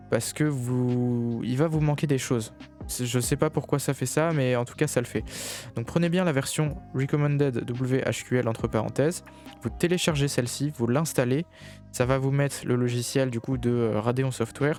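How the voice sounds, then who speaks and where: Casual man explaining PC steps. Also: medium pitch. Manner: relaxed, chatty, many filler hesitations. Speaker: PC hardware tutorial host. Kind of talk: casual screen-recorded tutorial.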